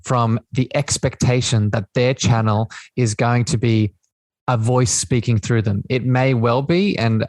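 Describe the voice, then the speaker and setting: A man's slightly mellow, medium-pitched voice carries a spiritual podcast at a somewhat slow pace with fairly even intonation and no echo. As host, he muses reflectively and keeps checking in with "right?".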